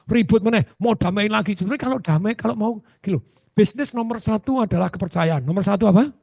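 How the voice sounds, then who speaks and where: A man leads a motivational seminar and keeps asking the crowd rhetorical questions. His voice sits high and gravelly with a husky grain. It sounds close and dry. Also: quick pace, dry recording. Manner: animated, with frequent rhetorical questions to the audience. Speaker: seminar speaker.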